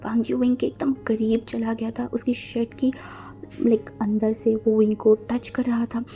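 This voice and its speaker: A woman's voice: a little high, little pitch movement, moderate pace. A woman with an Indian accent narrating a fan fiction romance, chatty and casual, often slipping into a whisper. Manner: casual, mixes English words into Hindi; drops into whispers for intimate scenes. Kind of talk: storytelling narration with acted dialogue. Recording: soft background music.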